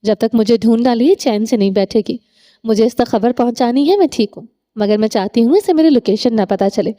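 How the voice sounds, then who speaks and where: A proud, stubborn young heroine who speaks with defiant earnestness, read by a woman narrator. Her voice is fairly high with a dark, mellow warmth. Audiobook storytelling. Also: lightly acted.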